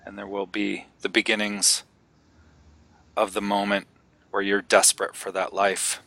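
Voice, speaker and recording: Leading a guided meditation, a man gives gentle, unhurried instructions and leaves long pauses between phrases. His lowish voice is creaky and completely flat in delivery, with no echo.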